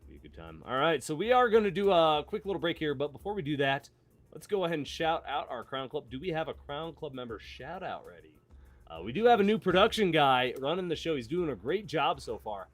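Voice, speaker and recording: A man hosting live esports commentary, excitable and laughing often, sometimes bursting into shouts, with the hiccups. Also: a little high, fairly quick, no room sound, faint music behind. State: has the hiccups. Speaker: esports caster.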